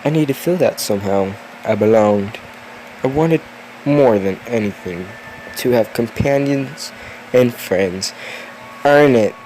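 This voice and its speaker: A man's voice: mid-range voice, unhurried, dark tone, a little hiss or hum, low-quality recording. Tired young man reading a spooky story. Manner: tired and yawning, chatty asides, swearing now and then. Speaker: story reader. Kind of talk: reading a story aloud with casual asides.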